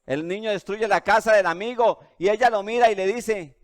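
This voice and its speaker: A man preaching a sermon as pastor, questioning his listeners over and over in an animated way. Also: sits high, normal speed. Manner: animated and questioning, asks the audience often.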